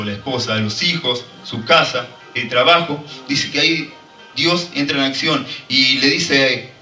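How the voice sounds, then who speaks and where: A man's voice: mid-range voice, pushed and bright, roomy sound, recorded from a distance, rough recording. A man preaching a fervent sermon and drawing call-and-response from the congregation. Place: church hall.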